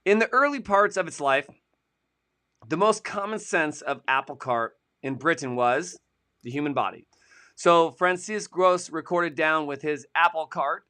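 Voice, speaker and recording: A man's voice: on the high side, pushed and bright. A man co-hosting a casual live-stream, chatting and joking as he reads idiom history from his sources. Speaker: co-host of a produce industry show.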